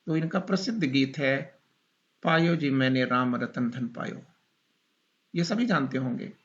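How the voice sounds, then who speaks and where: Through a muffled recording, a medium-pitched man lectures his class, dictating at a slow pace, going over points again, and putting questions to the students.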